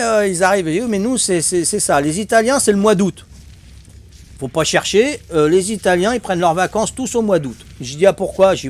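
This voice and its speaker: A man's voice: on the high side, a little hiss or hum. An older man from Corsica, telling funny anecdotes to his stream viewers in a chatty way and laughing at his own stories. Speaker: game streamer. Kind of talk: casual storytelling to stream viewers.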